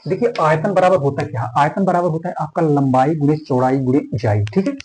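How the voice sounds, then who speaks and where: A man's voice: fairly high pitch, a little fast, darkish tone, rough recording. A male physics teacher lecturing at a board, asking and answering his own questions and starting nearly every sentence with "okay". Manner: filler "theek hai" starting most sentences.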